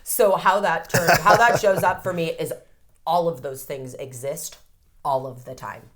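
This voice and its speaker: Speaking unhurriedly in a low voice, a codependency counselor in her thirties talks openly during a casual interview where she's the guest. She's animated and frank, swearing freely here and there.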